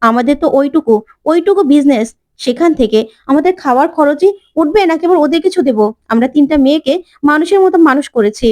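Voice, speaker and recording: A woman voicing a defensive middle-aged aunt who protests quickly. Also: high-pitched, expressive, darkish tone.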